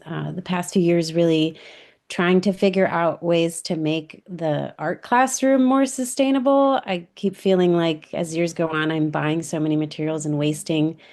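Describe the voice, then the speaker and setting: A woman's voice: on the low side, a little mellow. A woman art teacher from New York introducing herself on a video call, hesitant with many ums. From New York, United States.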